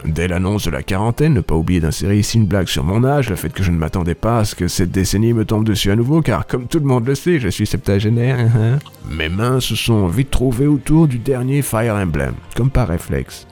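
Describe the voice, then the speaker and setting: A man's voice: lowish voice, expressive, brisk, a little mellow, faint music behind. A man narrating a scripted video game review in a dry, wordy and ironic manner.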